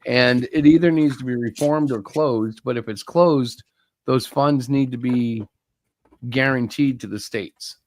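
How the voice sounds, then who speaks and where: A man's voice: mid-range voice, a little slow. A middle-aged man co-hosting a live stream, chatting casually and rambling through opinions with jokes mixed in. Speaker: co-host of a live-streamed show. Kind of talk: casual chat.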